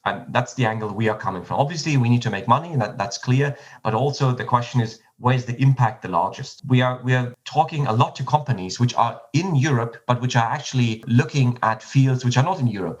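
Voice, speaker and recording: A German-accented man answers podcast questions as a startup's chief, working through technical points with many restarts and fillers. His voice sits in a middle register. The audio is slightly dull. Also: mid-range voice. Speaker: startup CEO guest.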